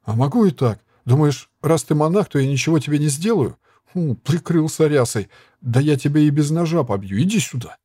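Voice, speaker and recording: A man voicing a hot-tempered young man who shouts loudly and brashly in a storybook reading. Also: a little high, expressive, a little fast, breathy edge, no echo, clean studio sound, pitched above the performer's own voice. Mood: angry. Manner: loud, brash, outraged.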